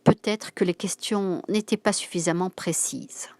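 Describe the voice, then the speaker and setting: A woman narrating a novel aloud in steady, clear storytelling style, voicing the dialogue herself. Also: on the low side, unhurried, dry recording.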